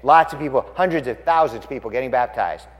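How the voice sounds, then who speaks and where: A middle-aged man preaching a sermon, swinging from loud exclamations down to quiet explanation. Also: mid-range voice, animated, fast, long reverb tail, lo-fi sound. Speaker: pastor.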